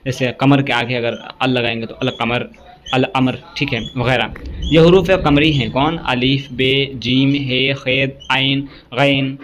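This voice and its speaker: A man's voice: medium pitch, fairly even intonation, a little slow, a bit bright. Man teaching a grammar lesson, faint hiss. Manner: recites lists steadily, checks in with frequent "okay". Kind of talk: exam-prep grammar lesson.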